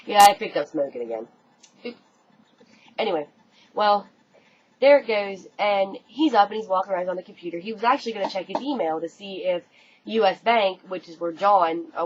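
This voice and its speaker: A young American woman telling a story to her webcam in an animated, casual way, swearing freely. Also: on the low side, breathy edge. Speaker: vlogger. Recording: dull lo-fi webcam audio, faint room noise.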